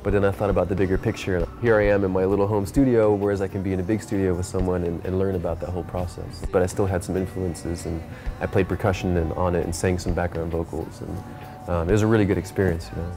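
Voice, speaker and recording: Deep-voiced laid-back man over music. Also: little pitch movement, fast talker. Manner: laid-back, often adds "you know". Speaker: reggae musician being interviewed. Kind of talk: reflective interview monologue. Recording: clear music playing behind the voice.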